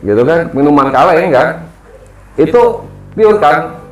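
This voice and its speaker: Animated man telling a story. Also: fairly high pitch, unhurried, lo-fi sound. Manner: lively storyteller, acts out quoted people. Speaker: guest storyteller. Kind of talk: casual spoken ghost story. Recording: roomy echo with music behind.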